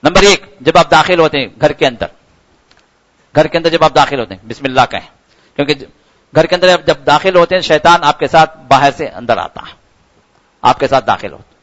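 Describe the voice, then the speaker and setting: A man's voice: on the high side, lively intonation, pauses often, a bit bright, poor audio. A man giving a Ramadan sermon, earnest and repetitive, his voice rising sharply for emphasis. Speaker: preacher.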